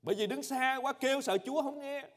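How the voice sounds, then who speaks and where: A man preaching a sermon as pastor in a church, emphatic and swinging between loud cries and hushed low phrases. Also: fairly quick, big-room sound.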